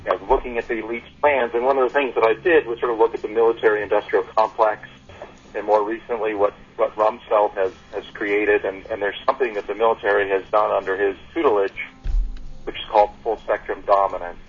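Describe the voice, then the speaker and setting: A man's voice: fairly low pitch, fairly even intonation, brisk, husky. A man on a panel call earnestly explaining an idea, building it up point by point. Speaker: panel caller. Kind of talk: casual call-in discussion. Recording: muffled lo-fi line.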